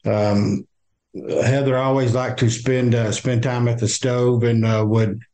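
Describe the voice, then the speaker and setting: Older Southern man, interview guest, speaks haltingly with fillers and restarts. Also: medium pitch, flat delivery, mellow. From American South. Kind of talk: interview, personal account.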